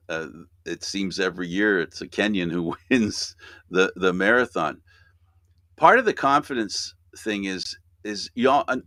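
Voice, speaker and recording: A man's voice: fairly low pitch, a bit bright, no room sound, studio quality. A man hosting an interview, asking long rambling questions with many fillers and restarts. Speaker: host.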